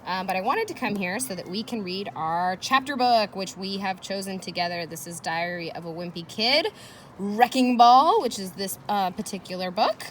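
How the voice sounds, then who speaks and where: In a mid-range, slightly bright voice at normal speed, a woman teacher reads a children's chapter book aloud. She adds casual, encouraging asides and asks her listeners questions. The background is noisy with kids playing nearby.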